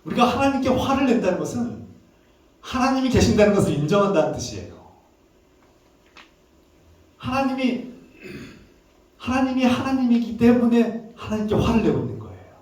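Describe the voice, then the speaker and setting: A man's voice: very high-pitched, sing-song, normal speed, long pauses, darkish tone. A male pastor preaching a sermon with emphatic delivery, sometimes acting out angry, pleading prayers in a raised voice. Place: church sanctuary. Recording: echoey church hall, mic at a distance.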